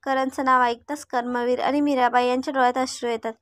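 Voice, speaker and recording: Brief: woman story narrator, high voice, dry close recording. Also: level tone, fast talker, no room sound. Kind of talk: read-aloud story narration.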